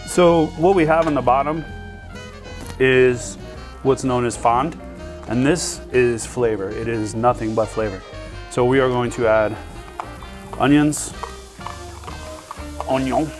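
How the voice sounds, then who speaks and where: Casual home-cook host, forties, rambling and chatty, sizzling pan and clear music under the voice. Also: male voice, medium pitch, steady tone, unhurried, pauses often. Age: 40s. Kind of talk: casual cooking chat.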